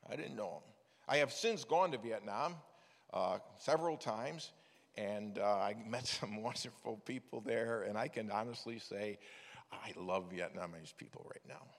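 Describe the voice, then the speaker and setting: With a creaky, medium-pitched voice, an older man who is a preacher and former missions director spins folksy stories in his sermon, restarting frequently. The hall around him is echoey, with a long reverb tail.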